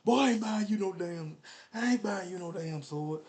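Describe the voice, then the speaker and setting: A man voicing his mother, flatly refusing to buy him a toy. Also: sits high, normal speed, voice pushed up. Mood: scolding. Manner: blunt, dismissive. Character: stern scolding mother.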